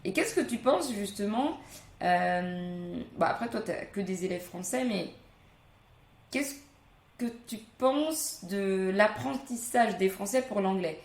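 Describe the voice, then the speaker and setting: A woman's voice: mid-range voice, animated, slow pace. A woman hosting a casual podcast interview, chatty and thinking aloud with many fillers. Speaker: podcast host. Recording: roomy room sound.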